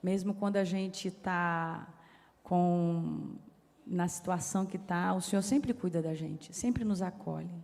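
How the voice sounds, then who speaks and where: A middle-aged woman preaching a sermon, telling a personal story in an animated way and acting out the dialogue. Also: on the low side, slow pace, vocal fry. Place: church hall. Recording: reverberant church hall.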